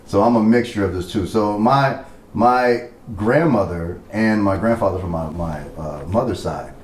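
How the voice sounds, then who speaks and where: A man's voice: lowish voice, moderate pace. A man from Liberia talking conversationally as a podcast guest, telling his family and country's story. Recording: echoey room, faint background noise.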